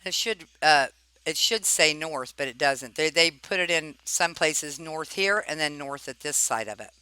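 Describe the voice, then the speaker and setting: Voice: medium pitch, moderate pace, bright, forceful tone, smooth. A person giving informal commentary while reading documents aloud, pointed and questioning, often tagging remarks with check-in questions. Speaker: narrator reviewing property records.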